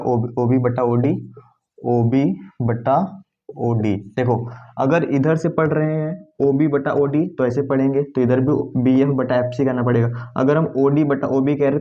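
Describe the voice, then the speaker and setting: Writing on the board as he goes, a math teacher with a medium-pitched voice talks through every step of the problem. He keeps inserting "है ना" checks and poses questions only to answer them himself, recorded in dull, lo-fi sound.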